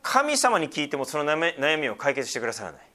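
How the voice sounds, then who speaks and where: A man's voice: a little high, wildly swooping pitch, fast talker, pushed and bright. A middle-aged male pastor giving a sermon, explaining scripture with frequent asides and a conversational, teaching tone.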